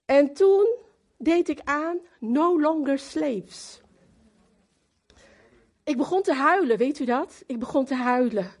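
A woman giving a lively, emphatic sermon who talks straight to the congregation and slips into English now and then. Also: high voice, slow, pauses often. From Moluccan community in the Netherlands. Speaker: preacher.

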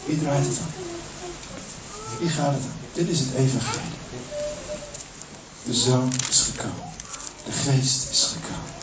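A man's voice: medium pitch, unhurried, pauses often, a crowd in the background. A male pastor preaching a sermon with dramatic storytelling and rhetorical questions. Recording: echoey church hall, distant dull mic, noisy.

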